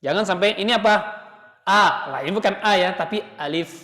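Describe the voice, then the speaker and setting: Sounding out letters for his class, this man with an Indonesian accent chants and demonstrates the sounds as a Quran teacher, with students answering back. His voice sits high, bright and forceful, a little fast, and rings with the long reverb of an echoey hall.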